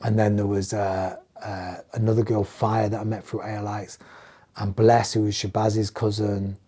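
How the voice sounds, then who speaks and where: Man, English accent, middle-aged, podcast guest, animated storyteller, mellow dark tone. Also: on the low side, normal speed, husky. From England. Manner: animated storytelling, acting out quoted dialogue. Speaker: guest, music producer. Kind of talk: casual podcast conversation.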